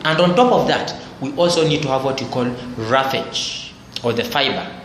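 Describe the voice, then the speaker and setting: A man giving a biology lesson, explaining slowly and restating his points. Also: mid-range voice, a bit bright. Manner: repetitive explanatory teaching, phrases restated for emphasis. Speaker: teacher. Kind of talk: biology lecture. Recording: very echoey room, faint background noise.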